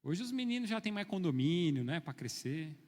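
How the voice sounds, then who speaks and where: A middle-aged male pastor preaching a sermon, telling stories and swinging from soft asides to loud, emphatic calls. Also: on the high side, very animated, moderate pace, in a large hall.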